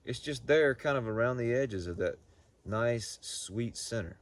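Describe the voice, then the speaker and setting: A man giving a casual, unscripted product review in a halting, folksy way, often repeating words as he goes. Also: mid-range voice, lively intonation. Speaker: pipe tobacco reviewer.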